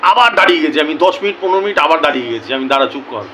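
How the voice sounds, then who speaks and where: Young male vlogger, high and bright, animated casual storytelling to camera, acts out both sides of a chat. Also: rapid-fire, a little hiss or hum, low-quality recording. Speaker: lottery tips YouTuber.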